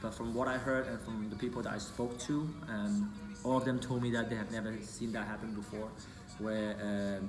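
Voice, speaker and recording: A man's voice: fairly low pitch, echoey room. A man born in Hong Kong and raised in the UK, giving a casual, rambling thank-you speech as an event organizer, with many fillers and self-corrections.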